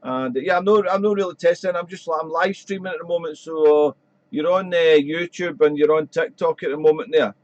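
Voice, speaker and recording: A man's voice: on the high side, fairly quick. A man working as an amateur radio operator on a live stream, chatting informally and repeating call signs. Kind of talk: casual ham radio chat and call-sign calling. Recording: dull, roomy streamed audio.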